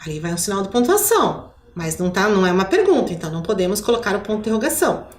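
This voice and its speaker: A woman's voice: mid-range voice, big pitch swings, rapid-fire. A woman with a Brazilian accent from Curitiba, a primary school teacher giving a video lesson for children, patient and didactic, speaking straight to the pupil with fond diminutives. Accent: Brazilian Portuguese, Curitiba. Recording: echoey room with faint background noise.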